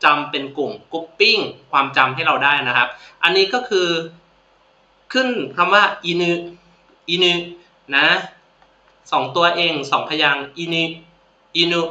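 A man with a Thai accent teaching a Japanese lesson to students, friendly and repeating each word slowly for them to copy. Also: on the high side, lively intonation, sharp tone. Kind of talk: casual classroom-style video lesson. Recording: echoey room, dull lo-fi sound.

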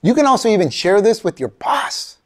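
A middle-aged man with a high, brisk voice gives an animated motivational keynote on careers in a college lecture hall, speaking to the "folks" in the audience and acting out the voices he quotes. The recording comes from a far camera in the audience.

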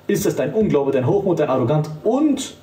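A man's voice: a little high, animated, quick pace, warm tone. Fervent male preacher, roomy and distant. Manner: fervent, emphatic, addresses the listener directly. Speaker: evangelist. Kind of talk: street-style preaching to camera.

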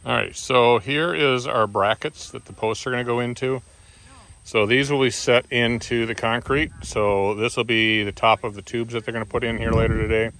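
A man explaining parts at an outdoor building site in a relaxed way, often trailing off. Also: medium pitch, normal speed. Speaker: builder narrating a barn build. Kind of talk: casual on-site walkthrough. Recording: loud outdoor noise. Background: heavy outdoor noise.

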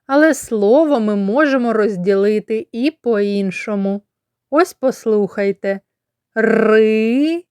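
A woman kindergarten teacher from Ukraine giving a slow lesson to children, spelling out sounds and syllables with careful, deliberate articulation. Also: mid-range voice, a little mellow, clear, resonant tone, dry recording, clean studio sound.

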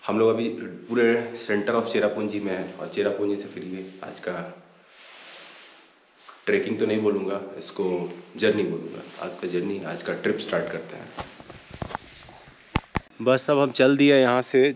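This man talks slowly with a low voice, leaving long pauses, while slight background noise sits under the audio. He's vlogging a trip in a relaxed, chatty way, dropping in excited English phrases as he heads from open air into a limestone cave.

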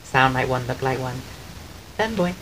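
A man with a soft voice that people often take for a woman's, chatting casually on a live stream at home and thanking his viewers. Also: medium pitch, animated, moderate pace, poor audio. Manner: chatty and rambling, thanks viewers while eating. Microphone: desk microphone. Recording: clear background noise on the stream mic.

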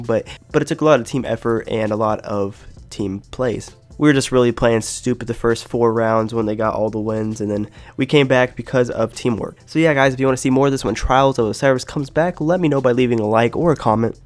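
A man talking at a rapid clip while sick, hosting his gaming channel with upbeat energy. His voice sits mid-range in pitch, and he calls out enemy moves to his teammates. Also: a little mellow. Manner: quick, upbeat, hyped intro talk. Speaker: gaming YouTuber. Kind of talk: casual gaming commentary.

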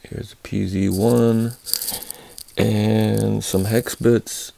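A man's voice: on the low side, flat delivery, extremely slow, vocal fry, warm tone, no echo. A man casually reviewing a set of hand tools, speaking hesitantly with many fillers and restarts. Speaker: tool reviewer. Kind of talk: casual hands-on product review.

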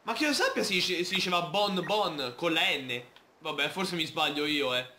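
Bright-voiced playful Let's Play man. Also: on the high side, expressive, moderate pace, echoey room. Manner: reads game text aloud, chatty and playful. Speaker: gamer.

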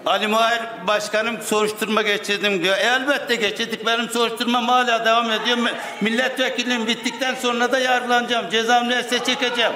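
An older man making halting, insistent impromptu remarks from his seat in parliament. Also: extremely high pitch, flat delivery, sharp tone. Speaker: member of parliament. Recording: echoey hall with crowd noise.

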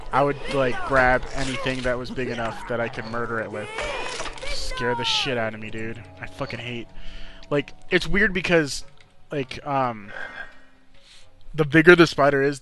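A man's voice: medium pitch, background noise. A man giving casual, rambling gameplay commentary in blunt, slangy, sweary language. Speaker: video game player commentator. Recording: game music under the voice. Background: video game music.

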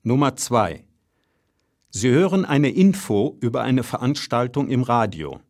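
A man's voice: mid-range voice, big pitch swings, measured pace, darkish tone. A man reading out scripted exam announcements as a narrator.

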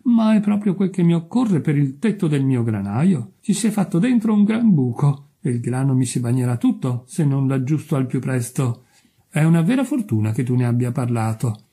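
A man's voice: mid-range voice, big pitch swings, normal speed, dark tone, husky. A man playing a smug, pompous miller. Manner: pompous and self-righteous.

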